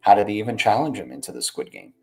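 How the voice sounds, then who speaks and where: A man's voice: fairly low pitch, big pitch swings, quick pace, a little mellow. A man hosting a livestream with casual, slangy market commentary, rambling along and tagging phrases with "right" and "man". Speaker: livestream host.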